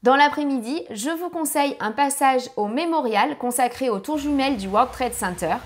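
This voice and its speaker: A woman's voice: high-pitched, normal speed, slight background noise. A woman narrating a family travel guide with practical tips, now and then apologizing for her English pronunciation.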